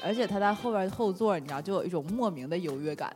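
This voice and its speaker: A woman from Northeast China, co-hosting a casual chat and telling stories lively while acting out the quotes. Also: lowish voice, fast talker, faint music behind. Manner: lively storyteller who acts out quotes. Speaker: podcast co-host.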